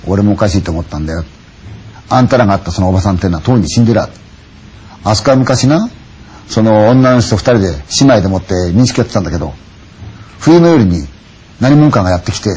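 A gruff middle-aged taxi driver speaks in a low, husky voice, blunt and rough in his wording, as a man puts him on in a ghost story. His delivery stays plain and close to everyday talk. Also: mellow, poor audio. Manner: rough, blunt, folksy speech.

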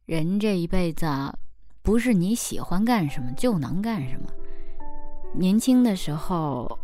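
A woman voicing a timid, aggrieved elderly mother who speaks slowly and quietly in a storybook reading. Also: on the low side, expressive, soft background music. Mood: wistful. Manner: slow, quiet speech.

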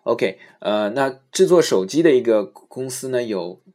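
A man hosts a casual English lesson podcast in an easygoing, unhurried way, with plenty of filler sounds. When he reaches an English word, he slows down and says it carefully. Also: medium pitch. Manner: relaxed, many fillers, slows down to say English words. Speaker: podcast host teaching English words.

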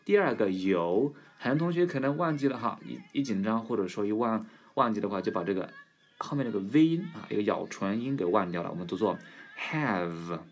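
A man teaching English pronunciation in a casual lesson, stretching model words slowly and clearly. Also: fairly low pitch, expressive, soft background music. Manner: slow drawn-out model words.

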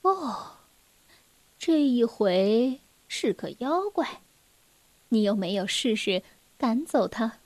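A woman voicing a gentle, calm mother in a children's storybook, speaking softly and soothingly, well below her own narrating voice. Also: a little high, measured pace, dry recording. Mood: tired, patient. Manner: soft, hushed, soothing.

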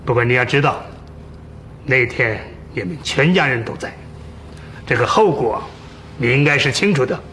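An actor playing a cool official captor in a period TV drama, measured and politely threatening. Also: male voice, mid-range voice, expressive, a bit bright, a little hiss or hum, close to an everyday voice. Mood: quiet threat.

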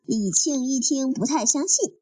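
A woman reading a children's story aloud in a halting way, with fillers and restarts. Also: sits high, lively intonation, dark tone, husky, low-quality recording.

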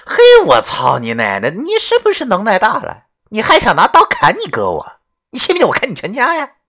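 A woman voicing a lecherous, rowdy old male ghost who blusters loudly and swears. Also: very deep voice, very animated, normal speed, exaggerated voice. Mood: furious. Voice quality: swaggering, foul-mouthed, loud bluster. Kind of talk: audio drama acting.

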